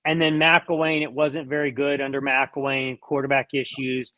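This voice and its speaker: A man's voice: mid-range voice, flat delivery, moderate pace. Agreeable man on a dull lo-fi line. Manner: agreeable, chimes in with short replies. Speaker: podcast co-host. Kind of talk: casual sports chat. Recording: slightly dull lo-fi sound.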